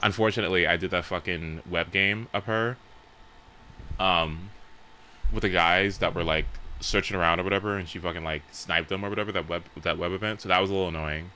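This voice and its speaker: A young adult man with a low, sharp voice livestreams a game, chatting casually in a fairly even, slightly fast delivery. He rambles informally and swears freely, with a little background noise behind him.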